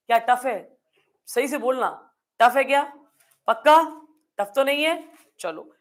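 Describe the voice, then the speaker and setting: A woman with a Hindi accent and a high-pitched, fairly bright voice teaches a chemistry lesson. She keeps quizzing students and answering her own questions, with playful asides where she acts out confused learners.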